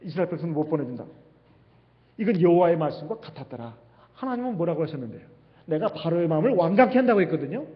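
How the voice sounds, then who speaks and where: A man preaching a sermon as pastor in a church, asking rhetorical questions as he goes. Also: sits high. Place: church sanctuary. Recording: dull livestream sound with long hall reverb.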